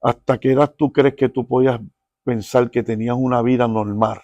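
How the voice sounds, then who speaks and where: A man hosts an interview podcast in a gravelly, mid-pitched voice. He asks earnest, drawn-out questions and keeps checking in with his guest. The recording is dry and close, with no room echo. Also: steady tone, darkish tone, lo-fi sound. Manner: earnest, often adds tag questions. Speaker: podcast host.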